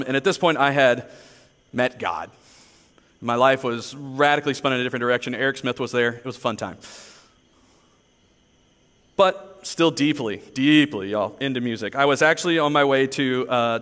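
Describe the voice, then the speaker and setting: A man's voice: mid-range voice, a bit bright, big-room sound. A man preaching a sermon, telling personal stories in a conversational, earnest, self-deprecating way. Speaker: pastor.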